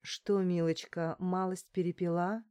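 A woman doing a low-voiced sardonic blonde. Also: level tone, a little slow, mellow, smooth, no room sound, natural voice. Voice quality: low chesty voice. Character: cool sarcastic glamorous blonde woman.

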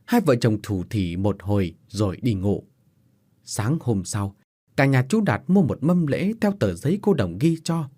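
Husky male storyteller, very expressive. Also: mid-range voice, a little slow. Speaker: storyteller host. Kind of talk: ghost story narration.

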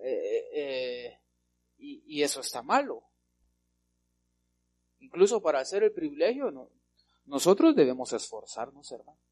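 A man preaching in a slightly high voice. He leans on key words and draws them out slowly, often tossing rhetorical questions to his listeners and calling them brother. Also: a little mellow. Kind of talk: Bible teaching sermon.

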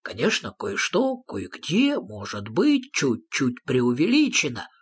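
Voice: mid-range voice, wildly swooping pitch, takes it slowly, husky, exaggerated voice. A reader voicing a proud, boastful old father troll who sounds slightly defensive about his stories, in an audiobook. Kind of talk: audiobook reading.

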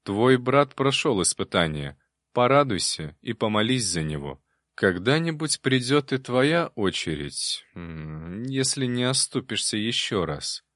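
A man voicing a cold, commanding monastery abbot who speaks sternly and in measured phrases. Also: medium pitch, big pitch swings, fairly bright tone, dry recording, clean studio sound.

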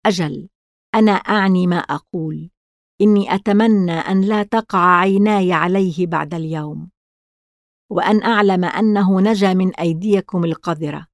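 A woman's voice: on the low side, moderate pace, no room sound, close to an everyday voice. A woman reading the part of a drunk, defiant young woman in a thieves' gang, speaking bitterly, in a storybook reading.

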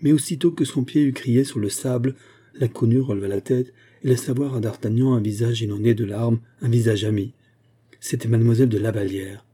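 A man narrating a classic novel as an audiobook in a measured, even storytelling manner. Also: mid-range voice, husky. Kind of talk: scripted literary narration.

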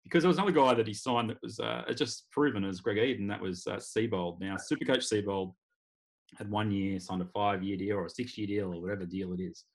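A man's voice: lowish voice, fast, vocal fry. An Australian man hosting a casual sports podcast, talking in a wry, rambling way. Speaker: podcast host. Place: remote video call.

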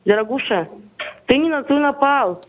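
A woman's voice: sits high, animated, normal speed. A woman arguing angrily on a phone call, cursing and threatening nonstop. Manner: aggressive, swearing, threatening. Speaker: prank call target. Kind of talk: heated phone argument. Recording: tinny phone line.

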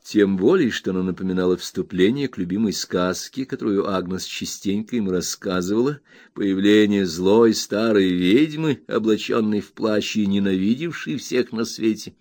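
A man reading a classic novel aloud as an audiobook narrator, measured and storytelling. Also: on the low side, a little mellow, no room sound, clean studio sound.

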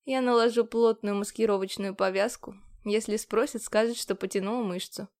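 A woman's voice: medium pitch, steady tone, moderate pace, darkish tone, lightly acted. A woman voicing a blunt, caring female ship medic who speaks firmly. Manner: firm, demanding.

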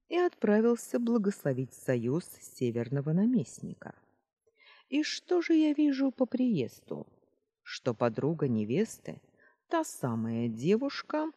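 A woman voicing a calm reasoning male dragon. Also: sits low, slightly rough, exaggerated voice. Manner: measured, explaining calmly. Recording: roomy reverb.

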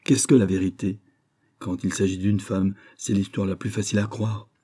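A man's voice: deep voice, flat delivery, moderate pace, dark tone, husky. A male reader voicing Lily Bart, a proud young society woman who speaks with mocking defiance.

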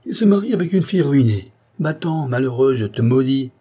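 A man's voice: mid-range voice, moderate pace, darkish tone, voice pushed up, close to an everyday voice. A man reading aloud voices a crotchety old spinster aunt who scolds and curses her nephew. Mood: outraged cursing. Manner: scolding, cursing shrilly.

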